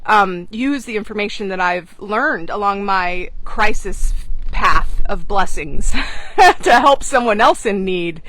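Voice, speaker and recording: A woman's voice: medium pitch, expressive, takes it slowly, a bit bright, poor audio. A woman giving a casual, heartfelt spiritual talk to her followers, earnest and chatty with frequent fillers, recorded on a boat outdoors. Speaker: online mentor and course host.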